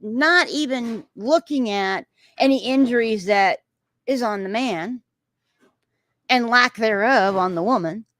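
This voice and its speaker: A Texan-accented woman hosts a casual livestream, reading viewer comments aloud and reacting in a rambling way full of filler sounds and restarts. Her voice is fairly high and a bit bright, she takes it slowly, and there's no room sound.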